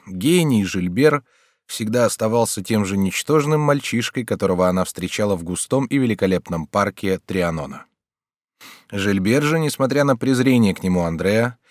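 Measured male audiobook narrator. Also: on the low side, dry recording, studio quality. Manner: measured, expressive reading. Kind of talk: scripted narration of a classic novel.

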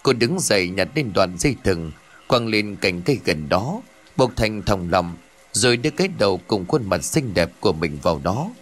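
Male horror audiobook narrator, lowish, lively delivery, soft music under. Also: moderate pace. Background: faint music.

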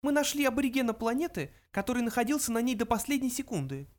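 Frankie, a brisk squeaky mouse voiced by a man. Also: lively intonation. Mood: businesslike.

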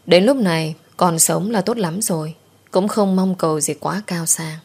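A woman reading a first-person story aloud in a steady, emotive storytelling manner. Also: fairly low pitch, normal speed, gravelly, slightly rough. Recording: faint background music.

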